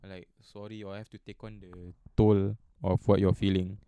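A man's voice: low voice, little pitch movement, normal speed, warm tone, smooth, no echo, dull audio. A young man with a Singaporean accent talking casually in Singlish as a podcast co-host. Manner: colloquial Singlish with lah and sia particles. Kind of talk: casual chat.

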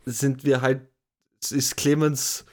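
A man's voice: mid-range voice, flat delivery, slow. A young man, co-hosting a casual podcast chat and setting the record straight on the details. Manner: explains and sets the record straight. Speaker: podcast co-host.

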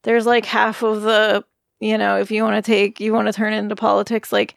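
Gravelly-voiced woman, rambling podcast chat. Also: medium pitch, level tone, fairly quick, dry recording, clean studio sound. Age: middle-aged. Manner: rambling, many "like" fillers, earnest. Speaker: podcast co-host. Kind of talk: casual chat. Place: bedroom at home.

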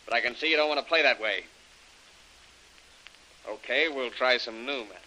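A cold threatening radio heavy, old-time tough talk, brisk bright tone. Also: male voice, mid-range voice, slight background noise, low-quality recording. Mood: menacing. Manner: tough-guy slang, threatening. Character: menacing adult male villain, cold bully. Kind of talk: 1930s radio drama acting.

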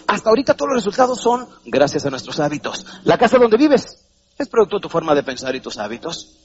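Animated Mexican man giving a seminar. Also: fairly high pitch, fast, dull audio. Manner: animated, theatrical, acts out voices and questions the audience. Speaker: motivational speaker. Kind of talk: live motivational seminar talk. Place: seminar hall with seated audience.

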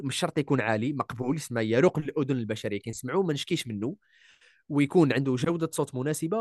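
Fast-talking Algerian man, emphatic. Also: a little high, a little mellow, dry recording, clean studio sound. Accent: Algerian Arabic. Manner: emphatic, repeats key words, mixes in French and English. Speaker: voice-over artist, guest. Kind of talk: casual interview chat.

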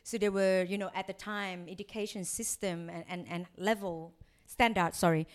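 A woman's voice: mid-range voice, steady tone, normal speed, smooth. A young woman, chatting loosely as a podcast guest. She laughs often and keeps her talk playful and unguarded. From Thailand. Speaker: guest, private chef. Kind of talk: casual chat.

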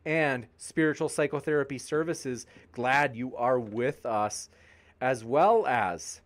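A man's voice: medium pitch, slow. A man hosting a debate channel's live stream, reading viewer comments aloud and joking with the chat in an upbeat way. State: tiring, pausing to drink.

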